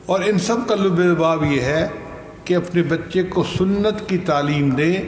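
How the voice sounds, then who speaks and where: An older man giving a slow, measured sermon, telling stories and reciting Arabic verses. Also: high voice. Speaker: religious scholar. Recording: echoey hall with faint noise.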